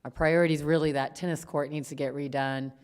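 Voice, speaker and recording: Chatty lower-voiced woman at a meeting. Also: fairly even intonation, fast talker, a little mellow, clean tone. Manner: casual, chatty, restarts sentences. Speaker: parks staff presenter. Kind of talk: meeting presentation. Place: city council meeting room.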